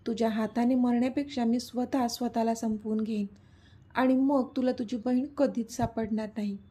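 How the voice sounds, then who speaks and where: A cruel, taunting male villain from an audio story, read by a woman. The voice sits fairly high and mellow with a husky edge. He sneers through every line. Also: fairly even intonation, normal speed. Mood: sneering. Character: cruel mocking middle-aged male villain.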